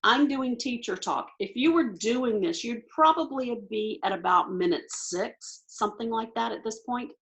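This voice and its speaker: Woman teacher, slightly high voice, quick self-narrating delivery, video-call audio. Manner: quick, self-talking teacher walking through answers aloud. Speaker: test prep teacher. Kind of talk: recorded online lesson.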